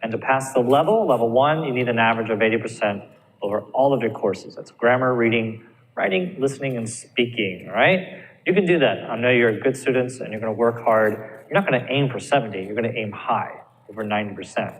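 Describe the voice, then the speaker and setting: A man's voice: medium pitch, lively intonation, brisk. A male ESL teacher giving a recorded speaking lesson, encouraging and often checking in with his students. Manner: encouraging, checks in with frequent "all right?". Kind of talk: recorded classroom lecture. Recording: reverberant room with faint ambient noise.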